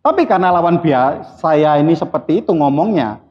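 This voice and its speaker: Male seminar speaker, high and lively voice, blunt teasing delivery. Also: fairly quick. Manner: blunt, teasing, quizzes the audience. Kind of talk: live motivational seminar talk. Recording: dull lo-fi recording.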